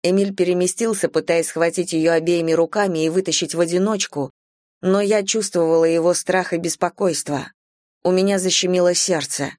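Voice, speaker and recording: A woman reading a novel aloud in the first person, her voice on the low side and her pacing measured. The recording is close and dry, with no room sound. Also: fairly even intonation, darkish tone, no room sound. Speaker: audiobook narrator. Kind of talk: scripted narration.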